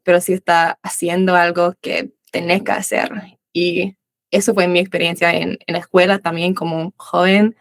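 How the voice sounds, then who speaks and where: A woman's voice: on the low side, flat delivery, normal speed, no room sound. A young Australian woman, a native English speaker, answering interview questions in learner Spanish with many restarts and fillers. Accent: Australian English speaker in Spanish, Uruguayan voseo. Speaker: guest, English teacher. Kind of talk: casual interview chat.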